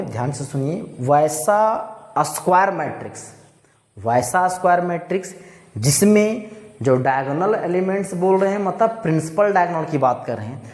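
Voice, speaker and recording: A man's voice: fairly high pitch, darkish tone. A man teaching a math lesson, who keeps asking rhetorical questions and repeating key phrases, mixing with terms. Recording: echoey room with long reverb.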